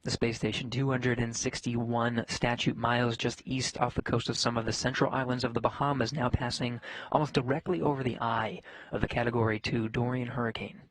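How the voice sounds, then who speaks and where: A man giving live space mission commentary in a measured, factual announcing manner. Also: medium pitch, fairly even intonation, no echo, rough recording.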